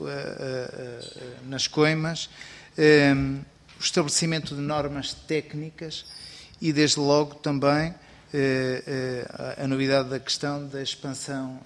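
A man presenting as an agency president at a formal hearing, speaking in a measured, bureaucratic way with frequent "eh" fillers. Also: mid-range voice. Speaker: agency president giving testimony. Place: parliamentary committee room. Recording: long hall reverb.

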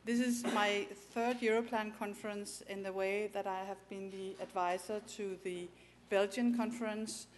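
Speaking at normal speed with fairly even intonation, a woman with a mid-range voice and a Danish accent, Danish being her native language, delivers a conference presentation. She hesitates, relying on fillers and restarts, with slight background noise in the conference hall.

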